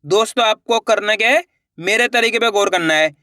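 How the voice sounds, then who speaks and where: A man's voice: high-pitched, moderate pace, sharp tone, no room sound, clean studio sound. A man teaching Hindi reading, sounding out each letter and then blending it into the word, and checking with his viewers that they follow. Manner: addresses viewers as friends, asks if it is clear. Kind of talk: slow syllable-by-syllable reading lesson.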